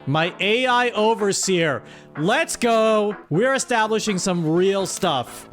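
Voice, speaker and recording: Her mid-range voice is lively in intonation but slow in pace. Music plays as this woman hosts a casual livestream, reading out a story and adding playful, mock-dramatic commentary.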